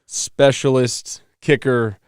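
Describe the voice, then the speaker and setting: A man's voice: mid-range voice, fairly even intonation, slow, clear, resonant tone, dry recording, clean studio sound. A man, co-hosting a casual sports talk show with joking banter. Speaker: podcast co-host.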